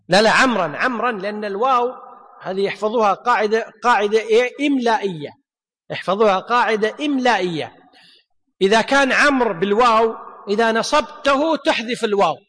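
A man teaching an Arabic grammar class. He quizzes students with quick questions and drawls out example words slowly. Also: sits high, a bit bright. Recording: long hall reverb.

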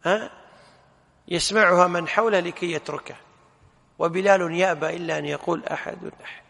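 A man teaches a religious text and throws rhetorical questions at his listeners. His voice sits high and carries a gravelly edge, and it comes across bright and forceful. A long reverb trails each phrase, as in a large hall. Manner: animated, rhetorical questions, corrects the reader. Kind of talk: explaining a religious text in a lesson.

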